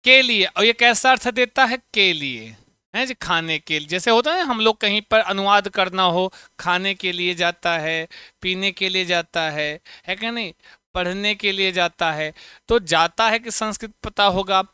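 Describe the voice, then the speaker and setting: A man teaching a Sanskrit grammar lesson for exams, chanting sound patterns and firing quick questions at students. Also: sits high, pushed and bright, clean tone, dry recording, studio quality. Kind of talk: online exam-prep lesson.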